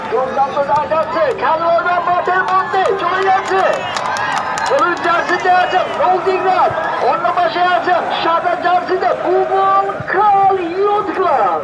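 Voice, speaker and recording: A man's voice: very high-pitched, moderate pace, muffled recording. A man making public announcements at an outdoor football tournament, repeating his phrases and appeals. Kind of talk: public-address event announcing. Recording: loud outdoor crowd din, very noisy.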